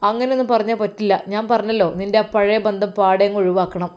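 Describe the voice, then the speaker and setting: Woman doing a strict tired husband, malappuram accent, pitch pushed down, quiet and firm. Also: steady tone, fast talker, natural voice. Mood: stern weary. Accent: Malappuram Malayalam. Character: stern religious husband, firm and weary.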